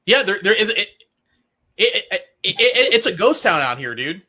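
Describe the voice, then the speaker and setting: A man in casual co-host chat, his voice high and sharply bright. It has a husky rasp to it. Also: sing-song, moderate pace.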